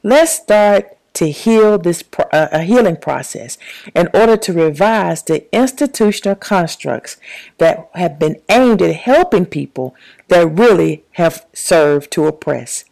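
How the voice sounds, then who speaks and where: A woman in ministry, a podcast co-host, reading a prepared commentary with measured, preacherly emphasis. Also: fairly low pitch, expressive, creaky, darkish tone, low-quality recording. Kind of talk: prepared commentary, read aloud.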